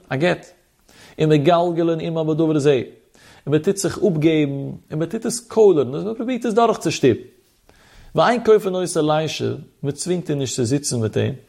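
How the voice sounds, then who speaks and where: A man giving a traditional religious text lesson, reading passages aloud and explaining them in a sing-song lilt, with a gravelly voice. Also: a little high, dark tone. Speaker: religious teacher.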